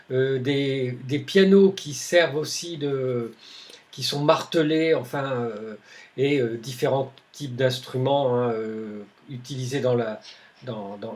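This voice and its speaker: A man presents a record from his collection in a relaxed, conversational way. He hesitates a lot and restarts his phrases. His pitch sits in an ordinary middle range. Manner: hesitant, many fillers and restarts, tags phrases with "hein". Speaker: music collector presenting albums. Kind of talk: casual spoken album review.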